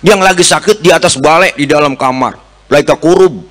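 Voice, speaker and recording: A man's voice: fairly high pitch, fairly quick. A man preacher gives a comic sermon, teasing his audience and acting out stories. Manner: joking, animated storyteller, teasing the audience. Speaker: Islamic preacher. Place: mosque or gathering hall with live audience.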